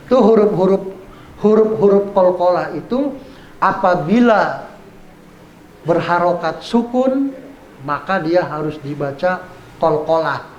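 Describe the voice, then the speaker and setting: A man leads a recitation class in a high voice, spelling out sounds patiently and chanting short verses. He speaks at an unhurried pace. The room echoes, with a faint ambient hum behind him. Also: lively intonation, lo-fi sound. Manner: patient, repeats examples slowly, chants verses. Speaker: Islamic teacher. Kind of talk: Quran recitation lesson.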